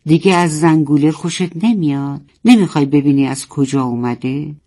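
A big old father whale from a storybook, gentle but stern, voiced by a storyteller. He speaks slowly and with weight. The whale talks with fatherly care. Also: mid-range voice, natural voice. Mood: warning. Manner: slow, measured and weighty.

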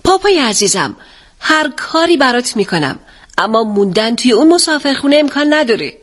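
A woman reading an audiobook, voicing a sharp-tongued, willful young English daughter who talks brusquely. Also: on the high side, big pitch swings, pitched above the performer's own voice. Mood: impatient. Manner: brusque, impatient.

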